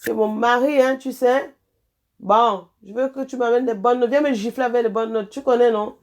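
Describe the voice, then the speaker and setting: A woman with a Cameroonian French accent chatting casually as a vlogger, animated and teasing, with sing-song repetition. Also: on the high side, moderate pace. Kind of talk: casual chat.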